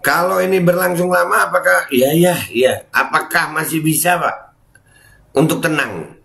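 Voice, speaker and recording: A man's voice: a little high, normal speed, gravelly, pushed and bright, reverberant. A man reading news aloud and mocking it, sarcastically addressing an official as "Pak" again and again. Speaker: political commentary vlogger.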